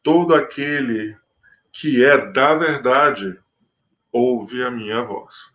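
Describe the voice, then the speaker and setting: A calm, solemn Jesus, read by a man, with each phrase drawn out slowly. The delivery is measured and steady. The sound is muffled and lo-fi. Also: mid-range voice. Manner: slow, measured scripture reading.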